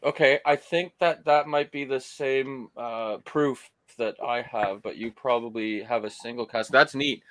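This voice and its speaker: A man hosting a relaxed tasting stream, talking at a middling pitch. He rambles, with plenty of "um"s and restarts. The sound is dry and close, with no room echo. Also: measured pace, few pauses. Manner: rambling, many fillers and restarts. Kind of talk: casual whiskey-tasting livestream chat.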